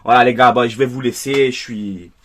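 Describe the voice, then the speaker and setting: A man's voice: mid-range voice, fairly even intonation, fairly quick, slight background noise. A man hosting a football fan video, upset and worked up, ranting and repeating himself as he talks straight to his viewers. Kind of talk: casual angry match debrief.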